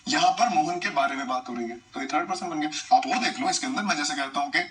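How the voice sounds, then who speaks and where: Chatty male grammar teacher, bright voice. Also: a little high, fast talker, recorded from a distance, low-quality recording. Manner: chatty, repeats points, quizzes students, reads their comments. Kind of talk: live online class, explaining in Hindi.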